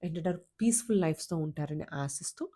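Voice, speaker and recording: A woman storyteller with an animated, conversational delivery, narrating a folk tale for children. She rises and falls expressively with the action, then settles into earnest advice for parents. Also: deep voice, fast. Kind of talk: storytelling with moral talk.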